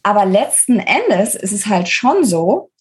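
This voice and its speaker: A woman guest author, interviewed on a conversational podcast about her book, explains things in an emphatic, colloquial yet articulate manner. Her medium-pitched voice is very animated, and she takes her time.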